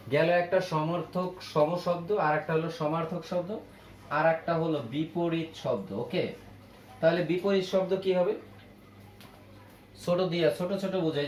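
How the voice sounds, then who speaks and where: A man teaching a grammar lesson to young pupils, listing words slowly and checking in with "ok?" as he goes. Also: fairly high pitch, slight background noise. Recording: echoey room with faint ambience.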